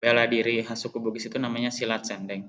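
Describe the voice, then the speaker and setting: A man's voice: mid-range voice, flat delivery, quick pace, a bit bright. A teenage boy reading a school presentation from his notes, with small slips and restarts along the way. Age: teens. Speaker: student presenter.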